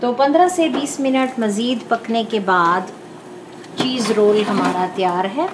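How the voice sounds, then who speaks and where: A woman from Pakistan with a slightly high voice hosts a cooking lesson in her home kitchen, addressing viewers directly. She explains each step calmly and patiently at a measured pace, while a soft hum sits underneath.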